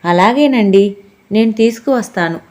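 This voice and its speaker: A scheming stepmother putting on sweet, worried concern, as a woman reads her lines. the voice is fairly high and smooth-mannered. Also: animated, normal speed, a little mellow, lightly acted. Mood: feigned.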